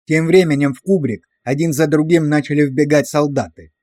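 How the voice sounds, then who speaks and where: Man, audiobook narrator, steady storytelling, fairly high voice, dry close mic. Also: a little fast, dry recording.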